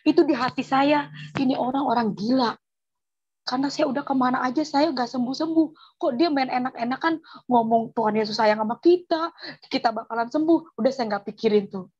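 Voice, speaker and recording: Woman, testimony speaker, animated and emotional, breathy high voice. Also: fairly quick. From Indonesia. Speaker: testimony giver. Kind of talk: personal religious testimony. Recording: dull lo-fi recording.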